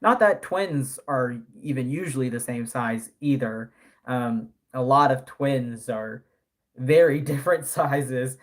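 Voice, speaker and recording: A man's voice: mid-range voice, slow pace. Guy in his early 20s, casual live stream chat, lots of ums and restarts. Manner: rambling, many fillers and self-corrections. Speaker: live streamer and doll artist.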